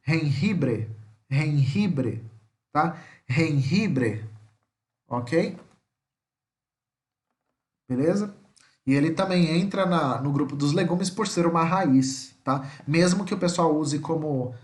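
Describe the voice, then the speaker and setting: Brazilian male teacher, slightly high voice, patient, repeats words, echoey room. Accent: Brazilian Portuguese. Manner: patient, repeats each word slowly, checks with "tá?". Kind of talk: slide-based language lesson.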